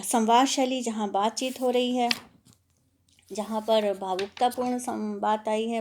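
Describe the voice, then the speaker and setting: A woman teacher goes through a Hindi textbook lesson at an unhurried pace. Her voice sits a little high, and she explains patiently, pausing with small fillers and walking through one example after another. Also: darkish tone, a little hiss or hum.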